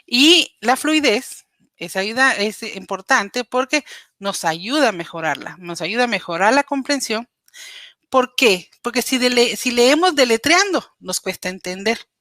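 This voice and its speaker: A literacy educator presents a recorded slide lecture on teaching reading, addressing her listeners directly in a patient, explanatory way with small hesitations and frequent "eh" fillers. Her voice is fairly high, animated, bright and pushed, and she speaks a little slowly. The recording is dry.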